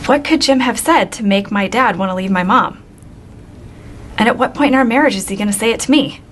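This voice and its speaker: An actress playing a worried wife who asks anxious, quick questions in a film scene. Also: female voice, on the high side, a bit bright, lightly acted. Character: worried wife fearing her marriage ending. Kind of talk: film dialogue. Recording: film clip with faint background noise.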